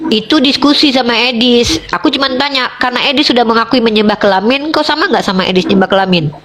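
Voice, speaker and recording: A woman's voice: a little high, fast talker, noisy background. A young Indonesian woman hosting a heated online debate, combative and mocking, talking over her opponent. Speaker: debate host.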